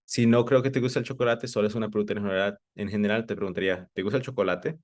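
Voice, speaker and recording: Man, English teacher, lower voice, patient, repeats examples, bilingual class. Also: little pitch movement. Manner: patient, explains slowly, repeats examples and quizzes students by name.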